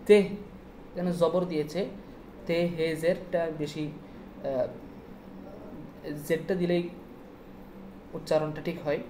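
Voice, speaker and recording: A woman teaching an online Urdu lesson, spelling words out letter by letter slowly and repeating them. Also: fairly low pitch, warm tone. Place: indoors at night, city street sounds outside. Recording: echoey room, faint street noise.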